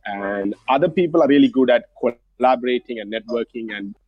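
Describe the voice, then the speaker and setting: A man's voice: medium pitch, fairly quick, husky, no room sound, highs cut off. A man guest in a casual online interview, talking earnestly and encouragingly in simple phrasing over a call.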